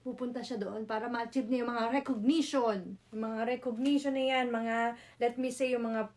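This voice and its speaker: A woman's voice: on the high side, steady tone, normal speed, a little mellow. A woman with a Filipino accent doing a casual tarot reading, chatty, mixing Tagalog and English with frequent "no?" tag questions. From Philippines. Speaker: tarot reader.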